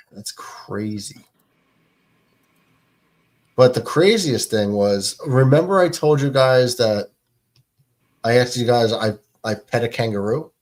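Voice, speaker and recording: A man chatting on a live sports watch party stream, spinning a loose anecdote and acting out each beat as he goes. His pitch sits right in the middle for a man, and he laughs his way through the telling. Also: slow pace, pauses often. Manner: animated, laughing storyteller acting out scenes. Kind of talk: casual storytelling chat.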